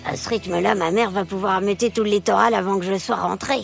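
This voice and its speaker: A woman voicing a cheerful young boy hermit crab in a children's story, excited and chatty. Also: mid-range voice, fast, vocal fry, soft background music. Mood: cheeky.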